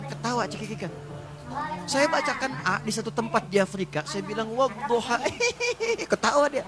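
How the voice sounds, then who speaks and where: Lively man preaching, music behind. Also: sits high. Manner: lively storytelling, chants Quran verses slowly. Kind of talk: Islamic sermon.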